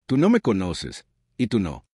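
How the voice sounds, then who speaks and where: A war-weary human soldier speaks steadily and with firm resolve, as a man narrating the story voices him. The voice is fairly low yet lively in pitch. The recording is dry and close. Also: unhurried, husky, no room sound, full character voice. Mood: determined. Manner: steady and determined.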